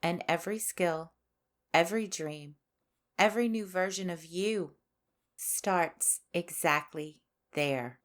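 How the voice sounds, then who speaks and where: A woman hosting a spiritual podcast, delivering a scripted monologue with sass and a preachy edge. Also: on the low side. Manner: slow, sassy, preachy delivery. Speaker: podcast host. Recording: faint music underneath.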